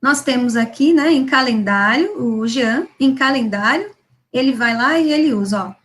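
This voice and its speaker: Brazilian woman, high voice, literacy lecture, drawn-out syllables, didactic tags. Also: expressive, fairly bright tone, a little hiss or hum. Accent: Brazilian Portuguese. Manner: slows and stretches words to model a child reading syllable by syllable; didactic, with frequent "né?" tags and restarts. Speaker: literacy educator. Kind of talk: lecture over example slides.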